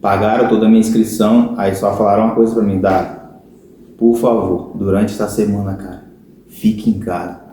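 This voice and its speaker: A man's voice: lowish voice, level tone, a little fast, warm tone, a little hiss or hum. A man with a Brazilian Portuguese accent, a podcast guest telling a personal conversion testimony in an earnest storytelling way, often calling his listener "cara". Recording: very echoey room.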